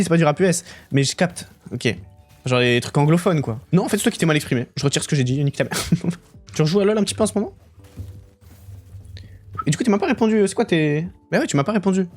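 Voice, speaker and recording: A young man talks his way through a game on a live stream, relaxed and chatty, then breaks into excited outbursts. His voice sits a touch higher than most men's. Faint music plays quietly under his talk. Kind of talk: casual live-stream commentary while gaming.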